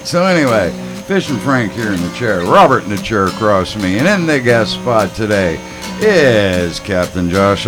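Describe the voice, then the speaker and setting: A man hosting a fishing radio show, joking loosely with his own guitar playing behind him. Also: lowish voice. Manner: jokey, loose, laughing often. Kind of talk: casual radio chat. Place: radio studio.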